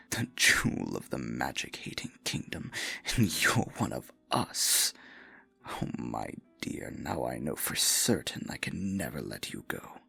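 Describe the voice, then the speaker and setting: With a bass voice and heavily acted delivery, a man portrays a possessive, theatrical dark sorcerer in fantasy ASMR, murmuring menacing, mock-sweet endearments in a husky, gravelly tone. He sounds astonished at first, then gloating.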